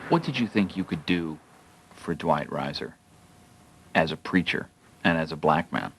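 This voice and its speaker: A man's voice: a bass voice, lively intonation, moderate pace, vocal fry, fairly bright tone, a little hiss or hum. A man asking questions as interviewer in a documentary.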